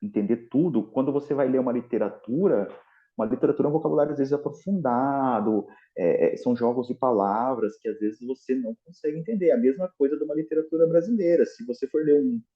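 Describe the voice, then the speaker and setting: A man's voice: mid-range voice, fast talker, lo-fi sound. A Brazilian man with a Brazilian Portuguese accent, a guest in a casual interview, explaining at length with many restarts and fillers.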